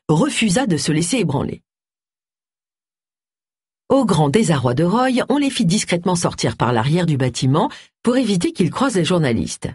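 Husky woman reading an audiobook. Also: deep voice, no room sound, clean studio sound. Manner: expressive, lively reading. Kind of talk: audiobook narration.

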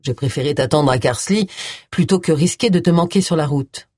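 An audiobook reader voicing a calm, caring middle-aged man with greying hair, speaking a little lower and huskily. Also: a little fast, breathy edge, no room sound, clean studio sound, natural voice. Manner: calm, concerned. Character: calm grey-haired man, ex-husband.

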